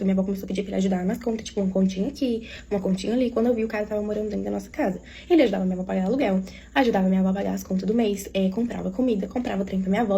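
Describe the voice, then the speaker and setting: Fast-talking woman with a Minas Gerais accent. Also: medium pitch, warm tone, slight background noise. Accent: Minas Gerais Portuguese. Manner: confiding, keeps addressing listeners directly. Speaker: storyteller. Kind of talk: casual personal storytelling.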